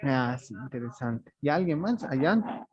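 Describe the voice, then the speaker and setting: A man's voice: mid-range voice, lively intonation, a little slow, slightly rough, muffled recording. A male teacher giving a class on customer service, explaining step by step and ending his phrases with tag questions. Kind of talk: online class lecture.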